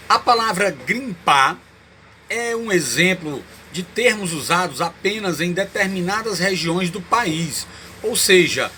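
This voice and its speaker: A man with a Cearense Brazilian accent teaching a Portuguese lesson, explaining slowly and checking in with "né?" after nearly every phrase. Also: sits high, bright, forceful tone, slight background noise. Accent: Ceará, Brazil. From Ceará, Brazil. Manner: explains slowly, tags lines with "né?", repeats words. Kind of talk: recorded online lesson.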